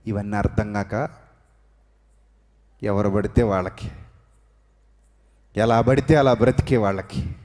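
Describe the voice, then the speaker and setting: A male preacher delivering a sermon, swinging between raised, emphatic lines and hushed, quiet ones, and calling the congregation to repeat after him. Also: lowish voice, a little slow, pauses often. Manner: leads the congregation to repeat phrases aloud. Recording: long reverberant hall sound.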